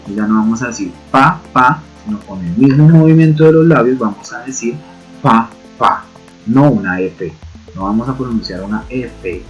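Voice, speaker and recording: A man teaching an online class, patiently explaining and repeating sounds slowly. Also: mid-range voice. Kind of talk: online lecture on Greek roots. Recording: dull lo-fi audio with faint music.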